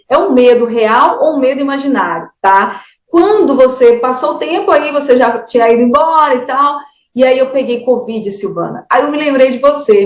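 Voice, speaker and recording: A woman's voice: high voice, reverberant. A woman interviewer telling a personal story earnestly and often addressing the guest by name before asking questions. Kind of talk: conversational interview.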